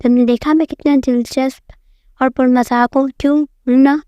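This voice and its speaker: A woman's voice: high-pitched, steady tone, dark tone, no echo, dull audio, lightly acted. A woman voicing a bossy, quarrelsome magic boy who scolds and orders others about. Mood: bossy scolding. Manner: scolding, domineering.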